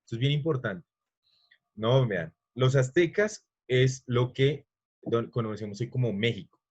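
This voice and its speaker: A man's voice: mid-range voice, animated, measured pace, darkish tone, slightly rough. Man, teacher, online class, rambling lecture, quizzes students, muffled lo-fi audio. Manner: rambling, stops to quiz students.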